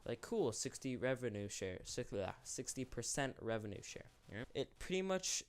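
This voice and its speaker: Hosting his YouTube channel, a young man offers unscripted commentary in a sing-song, mid-range voice at normal speed. Though he's ill and his voice is fading, he stays candid, wandering off on tangents and correcting himself as he goes.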